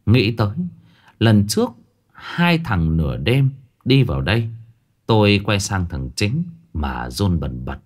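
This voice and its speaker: A man narrating a ghost story in an expressive storytelling manner. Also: on the low side, unhurried.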